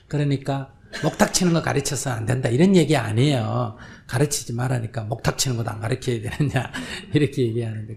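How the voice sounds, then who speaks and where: Older monk giving a lively dharma talk. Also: male voice, medium pitch, vocal fry, slight background noise. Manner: conversational, often checks listeners understand; acts out quoted voices, drops to whispers. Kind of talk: question-and-answer dharma talk. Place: lecture hall with audience.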